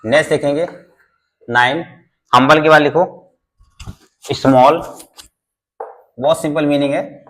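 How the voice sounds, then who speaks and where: Man spelling out words slowly. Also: a little high, fairly even intonation, a bit bright. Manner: repetitive, spells words out letter by letter, quizzes students. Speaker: English vocabulary teacher. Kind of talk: Hindi-language classroom lesson.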